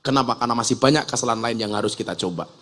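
A man's voice: medium pitch, rapid-fire, sharp tone. A man from Java giving a humorous religious sermon to a live audience, joking and acting out regional dialect voices. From Java, Indonesia. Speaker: preacher.

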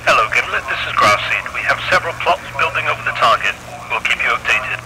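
A man's voice: medium pitch, expressive, fast talker, voice pushed up. A man voicing a British wartime radar controller giving clipped radio procedure calls, heard as a crackly AM radio transmission. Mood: brisk. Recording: radio static, heavy noise.

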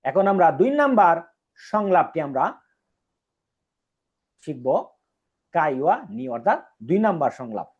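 High, lively male teacher. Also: measured pace, pauses often, husky. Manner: explains step by step, repeating each phrase. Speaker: Japanese language teacher. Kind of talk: language lesson explanation. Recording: dull lo-fi recording.

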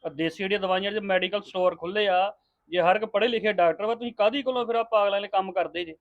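A man's voice: high voice, racing. A man acting a husband in a family drama, sternly lecturing his mother-in-law. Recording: tinny phone-like sound.

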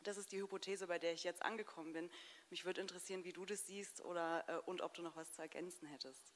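A woman's voice: on the low side, fairly even intonation, fast. A woman interviewer reflecting aloud and building up to a question at a stage event.

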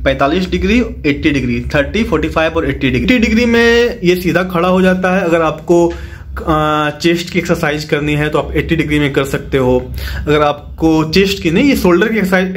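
A man's voice: on the high side, a little hiss or hum. A man in his thirties from Jharkhand, chatting casually to a phone camera at home while reviewing a gym bench, often repeating and correcting himself. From Jharkhand, India. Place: small room at home, indoors. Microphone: phone camera, handheld close.

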